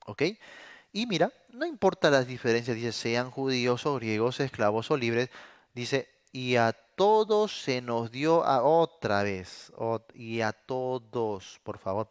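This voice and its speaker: A man's voice: medium pitch, no room sound, clean studio sound. A man, a pastor, teaching a Bible sermon in a plain, explanatory way, often asking rhetorical questions. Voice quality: says he suffers from a throat condition.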